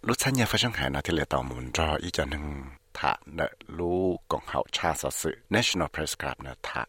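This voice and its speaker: A man reading a news report in a steady, measured, scripted way. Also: rumbling low, breathy edge, no room sound. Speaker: news narrator.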